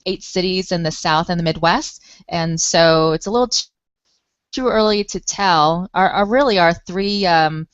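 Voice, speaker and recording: Casting: earnest woman, low-set voice, dry and close, lo-fi web stream. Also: unhurried, clean tone, no echo. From Taiwan. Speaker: nonprofit spokesperson. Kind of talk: panel discussion.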